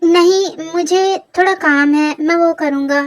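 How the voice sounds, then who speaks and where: A man's voice: extremely high pitch, steady tone, measured pace, a little hiss or hum. A reader voicing a stern young man who bosses around and cares for a childish twin, in a fan audio story. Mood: scolding. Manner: bossy, scolding. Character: stern rich young man, gruff caretaker.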